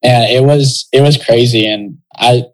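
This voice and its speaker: Poor audio captures a young professional soccer player from Texas, talking as an interview guest in a loose, reflective, filler-heavy way. He speaks a little slowly at a medium pitch in this casual interview.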